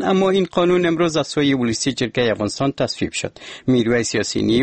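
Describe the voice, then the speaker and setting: A man reading the radio news in a steady, formal way. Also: medium pitch, no room sound. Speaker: newsreader. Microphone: studio mic.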